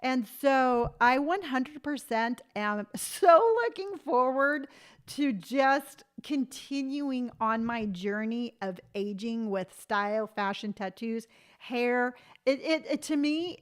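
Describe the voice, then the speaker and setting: A woman's voice: a little high, expressive, slow, clean tone. A woman in her late fifties chatting on a live stream, reading viewer comments aloud and telling stories with emphatic conviction. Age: 50s. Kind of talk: casual live-stream chat.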